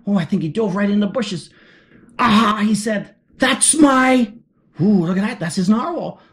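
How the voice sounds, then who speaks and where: In an animated read-aloud, a woman with an expressive mid-range voice reads to children at normal speed. She turns the pages of a picture book, gasping in surprise and asking her listeners questions.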